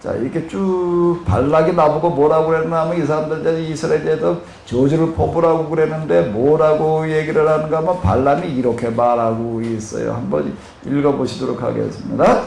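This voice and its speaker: A male pastor with a Jeolla accent delivers a rambling Bible seminar lecture, heavy with fillers and questions to the audience. His gravelly, slightly high, darkish voice holds a steady tone, runs a little fast with hardly any pauses, and echoes in a room with faint noise.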